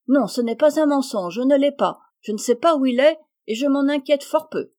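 A woman's voice: sits high, measured pace, warm tone, voice pushed up. A woman reading aloud, voicing a spiteful, defiant young girl in a storybook.

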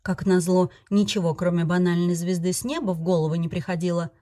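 A woman reading a first-person romance novel aloud as the audiobook narrator, with a lively, expressive delivery. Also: on the low side, brisk.

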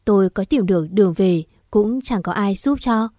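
A woman narrating a scripted first-person horror story in a steady, emotional storytelling manner. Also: medium pitch, normal speed, no room sound, studio quality.

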